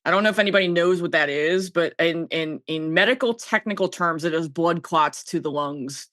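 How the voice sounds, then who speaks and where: A woman from South Jersey in the United States, an audio and video producer appearing as a podcast guest, chats casually and tells personal stories in an American accent. She's informal and often breaks off and restarts her sentences. Her voice is on the low side and fairly bright, at a moderate pace, recorded in a clean studio with no echo.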